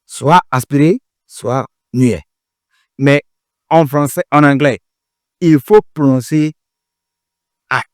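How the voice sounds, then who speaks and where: A man from Ghana teaching a language class, repeating each word slowly and carefully to drill pronunciation. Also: a little high, a little mellow, dry recording, clean studio sound. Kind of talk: pronunciation lesson.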